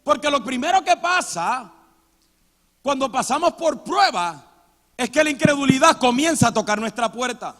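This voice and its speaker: Male pastor, high voice, dramatic sermon bursts, long hall reverb. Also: lively intonation, moderate pace, soft background music. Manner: preaching with sudden loud dramatic outbursts. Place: church sanctuary.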